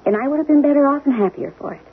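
Here the same kind of role, a wounded, plain-spoken middle-aged wife who was once a showgirl, is voiced high and racing, close to an everyday voice, with hurt bitterness. This 1970s radio drama comes through as a lo-fi, phone-like old broadcast with a little hiss or hum and music underneath.

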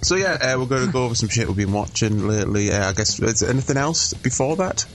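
A man's voice: mid-range voice, animated, fast talker, faint music behind. A jokey, sweary man co-hosting a casual film review chat. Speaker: podcast co-host.

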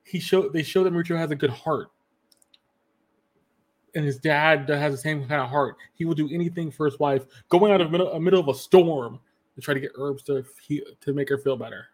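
Slightly high and a little fast, this podcast host's voice bubbles as he recounts anime moments. He quotes characters along the way and frequently starts his sentences over in this casual review chat.

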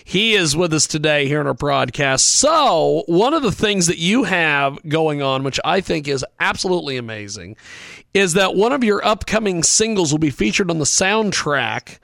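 Man, radio host, gravelly, dry close sound. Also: fairly high pitch, very animated, moderate pace, fairly bright tone, dry recording. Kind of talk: broadcast host introduction.

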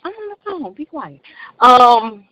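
A woman's voice: sits high, sing-song, slow pace, bright, forceful tone, dry recording. An older woman calling in to a radio show over a phone line, speaking earnestly in casual chat and repeating her phrases. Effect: voice heard over a phone call. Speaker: radio call-in caller. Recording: dull, dry phone line.

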